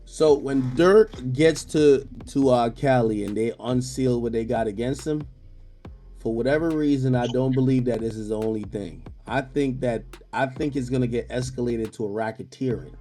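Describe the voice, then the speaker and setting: A man's voice: mid-range voice, normal speed, dark tone, faint music behind. A man in a casual online audio chat, explaining a legal situation step by step with frequent restarts. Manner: explains step by step, many restarts, laughs easily. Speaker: commentator.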